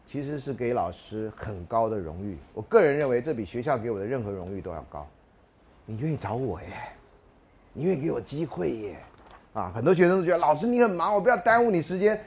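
A man lecturing on sociology in a classroom. He talks quickly and his pitch leaps around as he acts out dialogue from his stories, throwing in rhetorical questions to the class. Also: husky.

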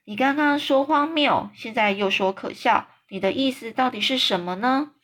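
A woman's voice: fairly high pitch, moderate pace, pitched above the performer's own voice. A woman doing a curious polite little girl. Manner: bright, eager questioning.

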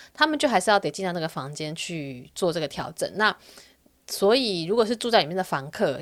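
A young woman who works as a rental agent, casually telling her viewers a story and getting worked up as she retells it. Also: medium pitch. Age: young adult. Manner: animated, gets worked up while retelling.

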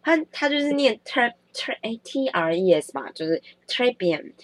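A woman with a cold casually telling a funny story in a vlog. She is animated and laughs often. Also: fairly high pitch, normal speed. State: has a cold. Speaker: vlogger.

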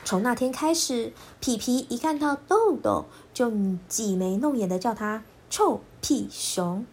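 A woman storyteller narrating a children's storybook in an expressive, lilting voice. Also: fairly high pitch, a little hiss or hum. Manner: expressive, lilting, slow and clear.

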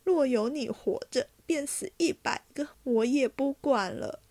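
A woman's voice: fairly high pitch, takes it slowly, vocal fry, no room sound. A woman voicing a weeping middle-aged mother who pleads tearfully for her son in a storybook reading. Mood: tearful pleading.

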